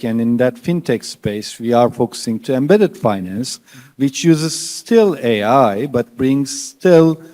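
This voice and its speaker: This panel discussion features a male fund manager earnestly laying out his fund's strategy for investors in slightly non-native phrasing. He has a medium-pitched, somewhat mellow voice that carries a big-room sound.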